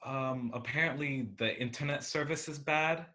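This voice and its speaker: A man speaking casually in a hesitant, low-key way. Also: normal speed, bright, forceful tone. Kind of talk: casual chat.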